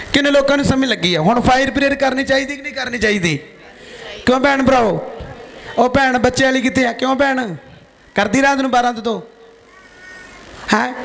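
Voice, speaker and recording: A man's voice: extremely high pitch, fairly bright tone, slight background noise. A man preaching a fiery sermon, firing questions at his congregation. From Punjab, India. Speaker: pastor.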